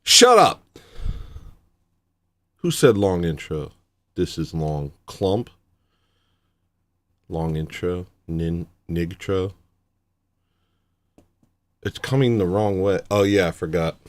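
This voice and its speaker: A man's voice: deep voice, lively intonation, slow pace, long pauses. A young man hosting a casual livestream from his home setup, rambling, sarcastic and self-deprecating. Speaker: livestream host.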